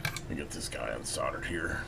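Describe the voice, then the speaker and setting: A man with an extremely low voice talks at normal speed as he narrates a hands-on repair for his video, casually thinking aloud while working. The hobbyist footage has clearly noisy audio.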